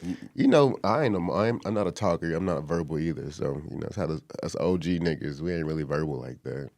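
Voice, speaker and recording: A man's voice: extremely low pitch, lively intonation, quick pace, gravelly, a little mellow, no echo, studio quality. A man co-hosting a casual podcast, laid-back and dryly teasing. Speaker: podcast co-host.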